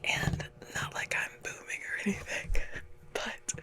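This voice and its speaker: Slow whispering woman, casual ASMR ramble. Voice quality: soft breathy whisper. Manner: unhurried, halting, chatty and self-deprecating. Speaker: ASMR content creator.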